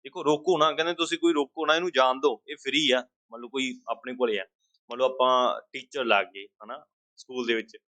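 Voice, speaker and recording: A man's voice: mid-range voice, steady tone, a little fast, bright, forceful tone, no room sound. A man teaching an exam-prep language lesson, explaining with repeated everyday examples and asking and answering his own questions.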